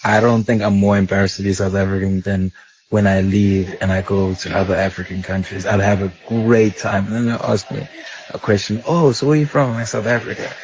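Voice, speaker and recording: A man's voice: deep voice, flat delivery, a little fast, a little mellow, rough recording. A man talking casually about his travels, rambling, with lots of filler words. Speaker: traveler sharing an experience. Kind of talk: casual vlog-style talk.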